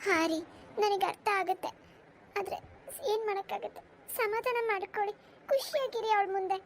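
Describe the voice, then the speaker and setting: A woman voicing a gentle young wife who consoles and soothes her family in a cartoon. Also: very high voice, moderate pace, a little hiss or hum. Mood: consoling. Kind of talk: cartoon voice acting.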